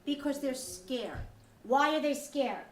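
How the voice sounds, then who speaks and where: Earnest, upbeat high-voiced woman teaching in echoey room. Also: slow pace. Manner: earnest, upbeat, asks questions and repeats answers. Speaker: teacher leading a school lesson. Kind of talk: interactive school lecture to children. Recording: roomy, distant mic, faint background noise.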